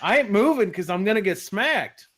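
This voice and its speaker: High-pitched man as a tabletop player, rambling, cursing, joking in character. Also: lively intonation, normal speed, fairly bright tone. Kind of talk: playing a tabletop game on stream.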